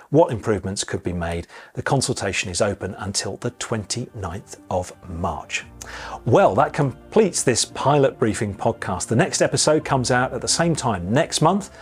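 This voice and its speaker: A man delivers a pilot news briefing in a conversational, lightly wry tone, as if talking to fellow flyers. His voice sits at an ordinary middle pitch. A soft music bed runs faintly underneath. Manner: chatty, conversational, occasional wry asides. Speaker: aviation news presenter. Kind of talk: scripted news briefing with asides.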